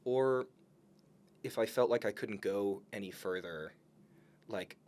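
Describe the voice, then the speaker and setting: Slow and darkish in tone, this low-voiced male co-host offers encouraging, reflective thoughts. The podcast conversation is casual and focused on self-improvement.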